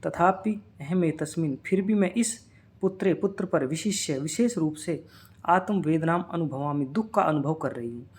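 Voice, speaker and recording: A man's voice: on the high side, moderate pace, a little mellow, slight background noise. Man explaining a lesson word by word. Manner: reads a phrase, then explains its meaning word by word. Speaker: teacher.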